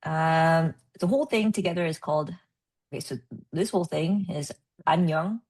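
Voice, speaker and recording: A woman presenting at a research meeting, explaining with many ums and pauses. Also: low voice, darkish tone. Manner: hesitant, many ums and uhs.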